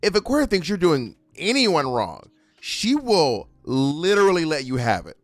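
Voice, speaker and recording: A man's voice: a little high, sing-song, normal speed, no room sound. A man in casual chat who teases and goads his co-host. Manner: teasing, playfully goading. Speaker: drag performer and co-host.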